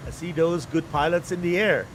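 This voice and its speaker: A man's voice: on the high side, normal speed, a little hiss or hum. A middle-aged man from Iran, unhurriedly thinking aloud as he commentates a live flight-sim tournament from home. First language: Persian. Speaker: stream commentator.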